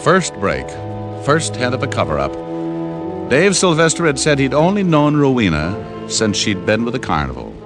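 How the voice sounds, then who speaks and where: Here the lead actor and narrator of a detective series, an American man, voices a wry, streetwise private detective in old-time radio fashion, narrating matter-of-factly in clipped slang. His mid-range voice moves at normal speed with huge swings in pitch, captured on a vintage radio recording with music.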